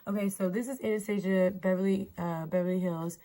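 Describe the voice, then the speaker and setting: A woman's voice: mid-range voice, steady tone, brisk, warm tone. A woman hosting a casual makeup tutorial vlog, talking in a chatty, playful, slangy way. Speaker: beauty vlogger host. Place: indoors by a mirror.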